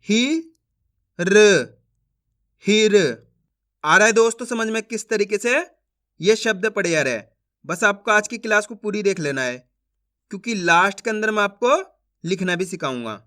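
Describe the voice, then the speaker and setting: A man's voice: sits high, lively intonation, pushed and bright. A man teaching beginners to read Hindi, sounding out words syllable by syllable and talking to viewers as friends. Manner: slow syllable-by-syllable drilling, addresses viewers as friends. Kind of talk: online reading lesson for beginners.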